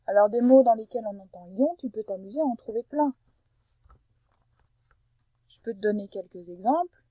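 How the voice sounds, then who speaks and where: A woman teacher with a mellow, slightly husky voice walks a young pupil through a phonics lesson. She talks patiently and slows right down to over-articulate each sound. The recording is close and dry. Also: a little high, no room sound, rough recording. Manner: slow, careful over-articulation of sounds for a child.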